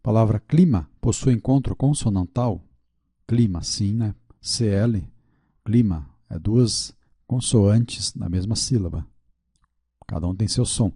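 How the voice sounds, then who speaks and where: Low, dark-voiced Brazilian teacher thinking aloud. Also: male voice, takes it slowly, slightly rough, no room sound, clean studio sound. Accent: Brazilian Portuguese. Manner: thinks aloud, checks answers, admits mistakes with "né?". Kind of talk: video lesson, working through quiz questions aloud.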